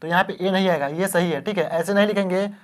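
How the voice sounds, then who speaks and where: A man's voice: high-pitched, fairly even intonation, fast talker. A man teaching beginners how to spell words, patiently repeating each word and asking the class questions.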